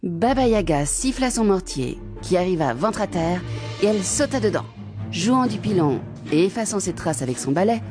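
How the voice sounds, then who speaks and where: Woman storybook narrator, lowish voice, expressive. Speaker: audiobook narrator.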